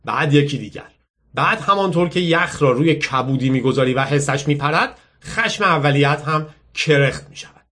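A man's voice: on the high side, lively intonation, bright, forceful tone. A man reading a novel aloud and breaking off for chatty, wry commentary. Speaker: book reader and podcaster. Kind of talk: audiobook reading with casual commentary.

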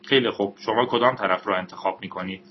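Nasal clipped computer voice, even and measured, put on by a male narrator, for a storybook. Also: fairly low pitch, lo-fi sound, a little hiss or hum, lightly acted.

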